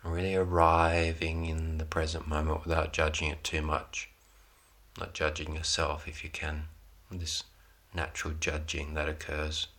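A man leading a guided relaxation meditation, giving soothing, unhurried instructions in short phrases with pauses between them. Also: rumbling low, monotone, fairly bright tone.

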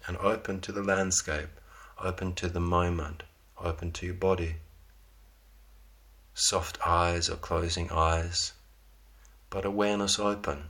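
A man gently guiding a yoga class through a slow, calm relaxation with long pauses. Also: low-pitched. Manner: slow, soft, unhurried guidance with long pauses. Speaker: yoga teacher.

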